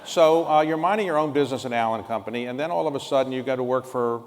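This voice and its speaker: Man, interviewer, fast-talking, blunt wry questions, long hall echo. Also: medium pitch. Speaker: interviewer, club president. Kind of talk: onstage interview. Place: large hall on stage.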